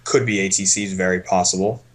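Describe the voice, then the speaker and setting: Guy with a lowish voice chatting thru poker hands, laid back, thinking out loud. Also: quick pace, breathy edge. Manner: relaxed, thinks aloud while explaining. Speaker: poker coach. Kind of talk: casual coaching stream.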